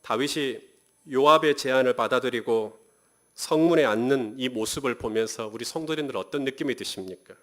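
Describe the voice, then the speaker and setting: A male pastor preaching a sermon, speaking conversationally, asking the congregation rhetorical questions and reading scripture aloud slowly. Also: mid-range voice. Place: church sanctuary.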